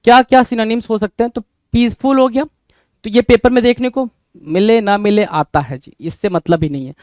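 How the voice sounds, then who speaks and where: A man's voice: sits high, brisk, a little mellow, no echo. A man with an Indian accent teaching English vocabulary in Hindi, repeating each question back to his students. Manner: repeats questions to students, calls them brother.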